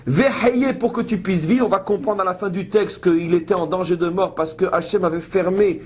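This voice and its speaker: A woman's voice: lowish voice, normal speed, darkish tone. A woman giving a Torah study lesson. She reads Hebrew verses aloud and then explains them with pointed, ironic asides. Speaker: Bible teacher.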